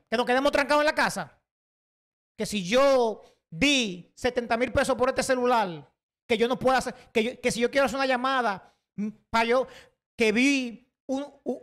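A man's voice: very high-pitched, a bit bright. Indignant Dominican man ranting. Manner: indignant, emphatic, repeats himself. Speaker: online commentator. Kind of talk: heated opinion commentary.

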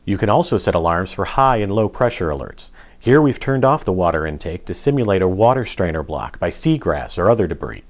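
A man reading scripted narration for a product video in a smooth, even promotional delivery. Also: deep voice, brisk, hardly any pauses.

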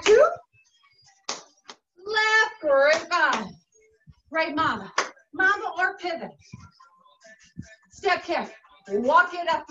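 A young woman working as an aerobics instructor, calling out short, encouraging workout cues and whoops with lots of energy as she exercises in a living room. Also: very high-pitched. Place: carpeted living room at home. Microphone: camera across the room. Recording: distant mic, dull sound, music behind. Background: workout music.

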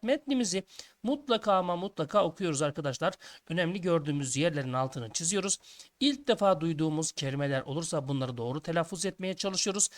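A man teaching a schoolbook lesson for children, reading each task aloud and then explaining it to his young listeners. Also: fairly high pitch. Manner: addresses listeners as friends, reads tasks aloud then explains.

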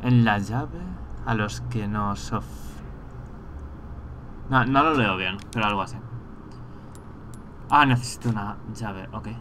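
Bright-voiced gaming streamer. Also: male voice, lowish voice, a little hiss or hum. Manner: thinking aloud, quick asides, excited rants. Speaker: gameplay streamer. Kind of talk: casual let's-play commentary.

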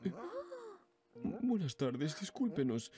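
A woman's voice: deep voice, very animated, takes it slowly, exaggerated voice. A woman voicing a worried puppet father in a children's puppet show. He speaks in a soothing, courteous way. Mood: polite worry. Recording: music underneath.

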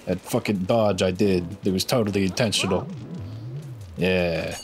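A man's voice: deep voice, fairly even intonation, brisk, faint music behind. Sleepy, stoned man rambling over gameplay. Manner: rambling, loose and heavily profane. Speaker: let's play host. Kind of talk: casual gameplay commentary.

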